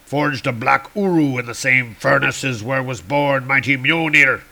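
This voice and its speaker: A man voicing a small, gruff male dwarf smith from a comic, slow and loud, who talks in broken grammar about himself. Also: mid-range voice, full character voice. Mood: proud gruff. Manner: broken grammar, speaks of himself in third person.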